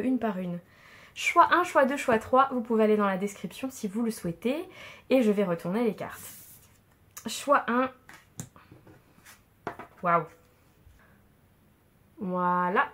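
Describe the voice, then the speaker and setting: Chatty tarot reader, slightly high voice. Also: female voice, animated, measured pace, pauses often. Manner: chatty, warm and reassuring, frequent fillers and soft laughs. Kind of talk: casual tarot reading to camera. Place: home room, with a tripod-mounted camera.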